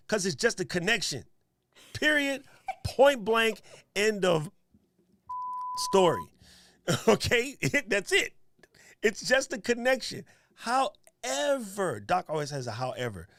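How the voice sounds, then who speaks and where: A Hawaii resident co-hosting a streaming show talks casual tech in a deep, gravelly radio voice with a fairly bright tone. He's emphatic and punchy, laughing at his own points, recorded dry and close with no room sound.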